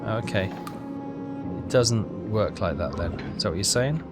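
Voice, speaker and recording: A man doing a game walkthrough mutters and hesitates as he puzzles things out aloud, giving casual commentary. His lowish voice is animated and slow, with game music playing behind him.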